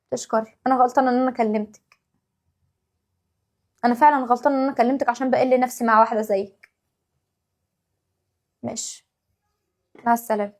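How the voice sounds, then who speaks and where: A woman with an Egyptian accent playing a put-upon young wife and mother in a family sketch, talking in an exasperated, pleading way. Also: high-pitched. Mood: aggrieved. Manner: exasperated, pleading, quick rapid-fire talk. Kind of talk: home-video family sketch acting.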